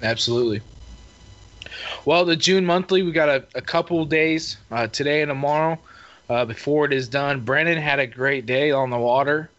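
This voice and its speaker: A man co-hosting a casual fishing show chat, relaxed and rambling with many fillers. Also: on the high side, moderate pace. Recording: muffled lo-fi audio.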